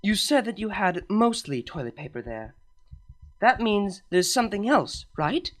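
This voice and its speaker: A woman's voice: medium pitch, sing-song, measured pace, soft background music, pitched above the performer's own voice. A woman voicing a regal alicorn princess who is polite but exasperated and sighs often.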